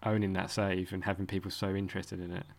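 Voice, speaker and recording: This is a man from Essex with the local accent and a fairly low voice. He hosts a podcast, putting questions and chatting in a casual, conversational way. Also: little pitch movement, fast talker. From Essex, England. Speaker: podcast host, interviewer. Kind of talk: casual podcast interview chat.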